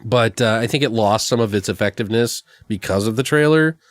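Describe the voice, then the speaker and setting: This podcast co-host talks about a film in a relaxed, profane way. He has a lowish voice and a brisk delivery, with no room sound in the recording.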